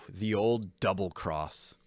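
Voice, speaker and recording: Man, low voice, playful co-host, dry close mic. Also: dry recording. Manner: playful, laughs easily, quick reactions. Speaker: podcast co-host. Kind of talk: casual chat.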